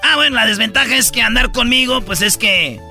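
A man's voice: very high voice, brisk, gravelly, pushed and bright, faint music behind. A man with a Mexican Spanish accent telling jokes as a radio comedy host, switching into character voices. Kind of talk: joke-telling comedy show.

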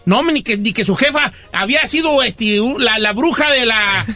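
Man, radio host, very high pitch, very bright tone, playful exaggerated storytelling, faint music behind. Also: animated, normal speed, no echo. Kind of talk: joking radio banter.

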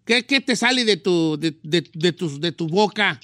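A man's voice: high-pitched, expressive, fairly bright tone, dry recording, clean studio sound. A man from Guadalajara with a Mexican accent, hosting a joking radio talk show in a teasing, playful way. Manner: teasing, playful, quick to joke.

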